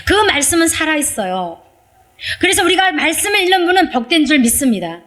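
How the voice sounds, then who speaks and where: A woman pastor delivers a heartfelt testimony sermon. Her voice sits fairly high, and she tells her story earnestly and with feeling, her pitch rising and falling as she speaks. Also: big pitch swings, fairly quick, fairly bright tone.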